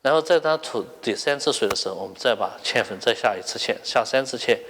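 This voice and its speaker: Male cook explaining steps interview style, average pitch, long room echo. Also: expressive, quick pace, fairly bright tone, a little hiss or hum.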